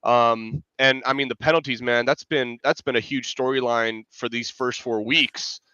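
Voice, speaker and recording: A man co-hosting a sports podcast as a fan analyst rambles casually, his voice stuffy and congested from a cold. He uses tons of fillers and often restarts sentences. His medium-pitched voice is fairly even in intonation at normal speed, bright and forceful; the tone is clean with no room sound, though the recording is lo-fi.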